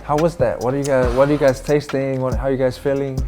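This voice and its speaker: NZ male interviewer, mid pitch, relaxed questions, music behind. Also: fast talker. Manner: easygoing, short backchannels. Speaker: host. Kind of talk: casual interview.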